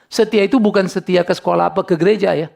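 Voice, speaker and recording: A man preaching a sermon as pastor, animated, slipping English words into his talk and acting out members of the congregation. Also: high voice, fast talker, vocal fry. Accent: Indonesian.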